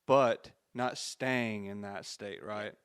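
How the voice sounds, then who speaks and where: A man's voice: fairly low pitch, slow, clear, resonant tone. A man in his thirties hosting a faith-based interview, reflective and encouraging, with frequent restarts. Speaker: podcast host.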